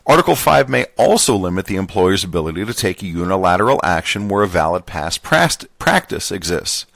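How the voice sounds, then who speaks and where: A podcast host with a low, creaky voice reads a labor contract manual aloud word for word at a brisk pace. His delivery is plain and steady, though he sometimes stumbles and corrects himself, and there's no echo.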